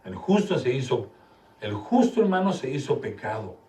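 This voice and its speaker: A man's voice: medium pitch, very animated, normal speed, dark tone, a little hiss or hum. A male pastor delivers an emphatic sermon from a live church service. He keeps calling out questions to the congregation. The microphone sits some distance away in a roomy, echoing space with faint ambience behind him.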